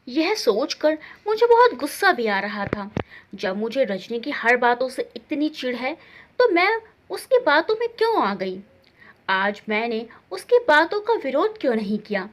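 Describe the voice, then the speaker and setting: A young woman narrating a story in the first person, expressive and indignant. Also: high-pitched.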